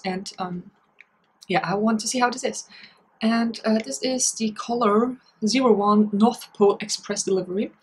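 A woman's voice: medium pitch, slight background noise, rough recording. A young woman vlogging a casual makeup product review from her bedroom, chatty and full of fillers. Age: young adult. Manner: chatty, many fillers like "you know" and "um". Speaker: beauty vlogger. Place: small bedroom, indoors.

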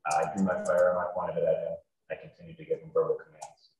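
A young policeman gives court testimony through a video link that sounds distant, echoey and slightly noisy. He speaks fast in a low, flat, darkish voice, keeping things formal, brief and procedural.

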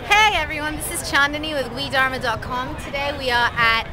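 A woman in her forties with a bright, high voice hosts an outdoor vlog, gushing with enthusiasm into a handheld camera. A loud crowd chatters behind her, and the open-air recording is full of noise. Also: a little fast. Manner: enthusiastic, effusive. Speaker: vlog host. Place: outdoors on a busy farm. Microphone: handheld camera at arm's length.

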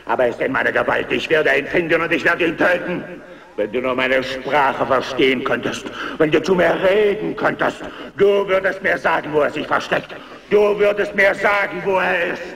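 One-eyed giant shepherd in a radio play, blind and vengeful, bright edgy tone, long echoing hall around him. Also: male voice, on the high side, gravelly. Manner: brooding, lamenting, threatening. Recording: long reverb, cave-like hall.

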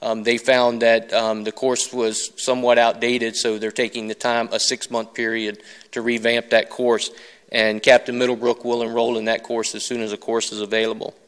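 Measured fire chief in an echoing chamber. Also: male voice, medium pitch, completely flat delivery, fairly bright tone, clear, resonant tone. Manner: measured, reads prepared remarks with occasional fillers. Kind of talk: formal report to council. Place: council chamber. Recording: long reverb of council chamber.

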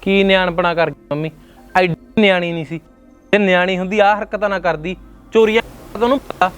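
A man's voice: high voice, fairly even intonation, a bit bright, clean tone, faint music behind. A man playing a furious young husband. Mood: angry. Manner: heated, rapid, indignant. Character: angry young husband, stubborn and scornful. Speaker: son arguing with his mother. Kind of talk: web series drama acting.

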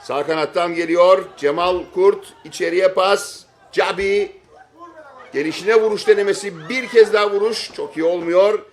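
A man giving excited football play-by-play in clipped short phrases, shouting and stretching out his calls at big moments. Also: high voice, normal speed. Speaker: football match commentator. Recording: stadium crowd noise behind voice. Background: football crowd.

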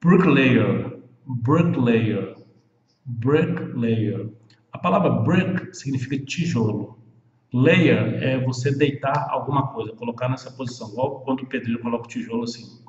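Brazilian guy teaching english words, slow and patient, dull echoey room with long reverb. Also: mid-range voice, lively intonation, a little mellow. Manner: slow, repeats each word many times. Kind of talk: pronunciation lesson.

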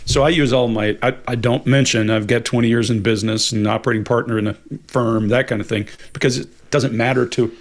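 A relaxed man in his fifties co-hosts a casual live Q&A chat, explaining things in a brisk mid-range voice with few pauses and laughing easily. He is on a webcam video call from a home office lined with bookshelves.

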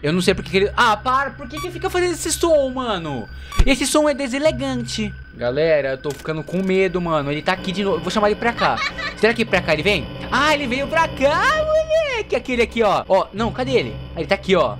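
A man's voice: high voice, big pitch swings, fast talker. A young man with a Brazilian accent doing let's play commentary of a horror game, yelping and laughing in fright while talking to his audience. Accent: Brazilian Portuguese. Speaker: gaming YouTuber. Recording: game music behind.

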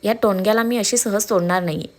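A woman voicing a confident young bride, calm and playfully firm. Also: mid-range voice, quick pace, natural voice.

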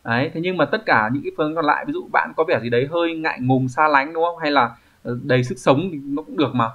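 A man's voice: fairly high pitch, fast talker, fairly bright tone, highs cut off. A man teaching, walking through exam answers one by one and often checking with the listener, "right?". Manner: explanatory, asks rhetorical checks like "right?". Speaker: Japanese language teacher.

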